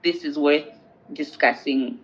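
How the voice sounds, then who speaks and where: A woman's voice: sits low, a little slow, a little hiss or hum. A young woman from Zambia answering interview questions in an earnest, reflective way. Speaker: interviewee, feminist advocate. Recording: dull lo-fi sound.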